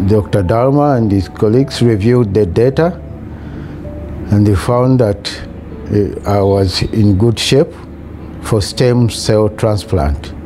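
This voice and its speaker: A middle-aged man from Kenya with a Kenyan accent, giving a personal account in a halting, hesitant way with long pauses. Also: fairly low pitch, mellow. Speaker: patient giving a testimonial. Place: small hospital room, in bed. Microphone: lapel mic. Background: music.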